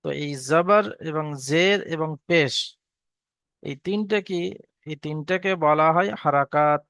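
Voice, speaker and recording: A man teaching a slow recorded lesson, drawing out each letter and vowel mark for students to repeat. His voice sits high and sounds smooth and clear. The sound is close and dry. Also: fairly bright tone, dry recording. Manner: patient, repetitive drilling with call-and-repeat; clears throat often. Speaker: Quran reading teacher.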